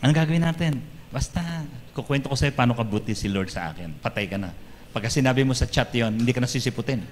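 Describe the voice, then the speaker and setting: A man preaching as a pastor, lively and joking, often calling out to the congregation for an "Amen.". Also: mid-range voice, fast talker, in a large hall, slight background noise. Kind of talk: sermon. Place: church hall.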